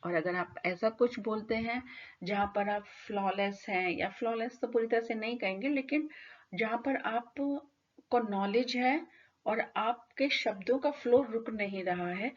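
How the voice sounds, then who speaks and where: A woman teacher lecturing students in a clear, explanatory way, mixing English terms into her speech. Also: mid-range voice, a little slow. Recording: slightly dull lo-fi audio.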